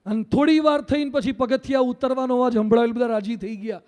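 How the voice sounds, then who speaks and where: A man, a monk, giving a seminar sermon as an animated storyteller who acts out the voices and shouts of people in his story. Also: very high voice, fairly quick, long reverb tail.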